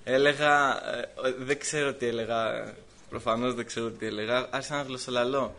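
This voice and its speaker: Bright-voiced man sharing a church testimony. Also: mid-range voice. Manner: lively storytelling that voices the people in his story. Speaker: church member giving testimony.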